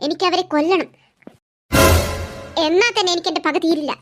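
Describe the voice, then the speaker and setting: A woman's voice: steady tone, normal speed, over loud music. A woman voicing a spiteful, vengeful schoolgirl villain in a cartoon. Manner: bitter, vengeful, low threatening tone. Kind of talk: cartoon voice acting.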